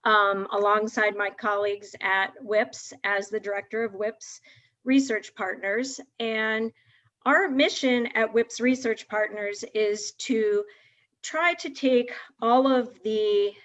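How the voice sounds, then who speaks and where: A woman from Massachusetts speaks as a guest on a casual video call. Her talk is orderly and explanatory, with an even, mid-range pitch. The audio is dull and lo-fi. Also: takes it slowly. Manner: clear, organized explaining. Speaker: guest, research director.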